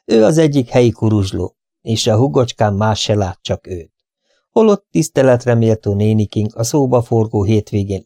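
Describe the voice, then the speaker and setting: A man's voice: lowish voice, dark tone, no echo, clean studio sound. A man reading an audiobook, playing a breezy, flippant young man with a light, offhand manner.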